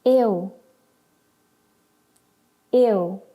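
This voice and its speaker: A woman with a Brazilian accent teaching a language lesson, repeating each word slowly and carefully for learners. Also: medium pitch, roomy sound, lo-fi sound. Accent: Brazilian Portuguese. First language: Portuguese. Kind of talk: slow, clear language lesson.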